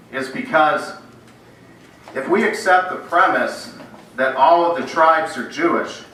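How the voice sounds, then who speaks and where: A man's voice: on the high side, sharp tone. A man with a bad cough giving a casual Bible lecture to a small room, reading scripture aloud between plain remarks. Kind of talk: recorded lecture to a small audience. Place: indoor meeting room. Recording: roomy, from a distance, noisy.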